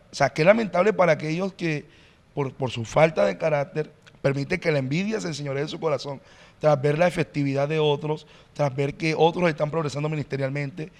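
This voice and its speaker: A male pastor explaining in an earnest, teacherly way as a podcast guest, often pausing on "eh". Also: on the high side, in a large hall. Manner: earnest, teacherly, frequent "eh" fillers. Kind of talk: podcast interview, preaching-like explanation.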